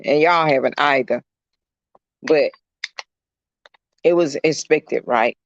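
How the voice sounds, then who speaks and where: A man's voice: fairly high pitch, vocal fry, no room sound, highs cut off. Chatty middle-aged man, livestreaming. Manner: chatty and rambling, fills talk with "you know" and greets viewers by name. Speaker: caregiver streaming live. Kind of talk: casual livestream chat. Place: indoors at a client's home.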